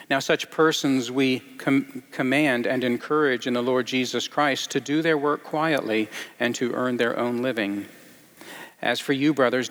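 A man reading scripture and then preaching a sermon in a halting way, with many fillers and restarts. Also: mid-range voice, a bit bright, long reverb tail. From grew up partly in Iceland.

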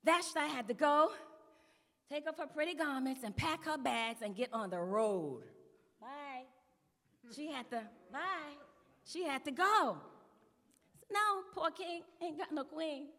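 A woman preaching with a high voice, retelling a story in a lively, chatty way and stumbling over her own restarts. Her voice carries a long reverb, as if in a large hall. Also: measured pace. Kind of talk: sermon.

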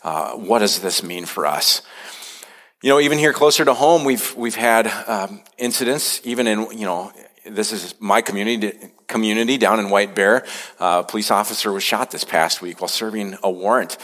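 A man preaching a conversational sermon as a pastor, animated when he acts out scripture. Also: lowish voice, normal speed. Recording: hall reverb.

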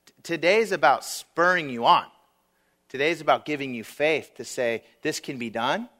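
A man's voice: a little high, moderate pace, pushed and bright. A man preaching as a guest speaker, earnest and conversational, telling stories and acting out prayers with casual fillers. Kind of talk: sermon.

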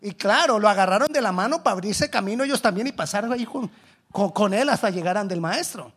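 Husky-voiced preacher guy, pretty high, goes big then drops low. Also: lively intonation, fast. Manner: swings between loud exhortation and hushed asides, acts out biblical voices. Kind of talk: sermon.

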